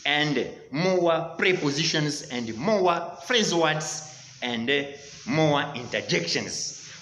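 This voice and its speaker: A man's voice: a little high, bright, forceful tone, reverberant, poor audio. A man from Rwanda with a Rwandan accent, teaching English and urging viewers on, calling them dear friends again and again. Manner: repetitive, exhorting, keeps saying dear friends. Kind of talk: motivational language lesson.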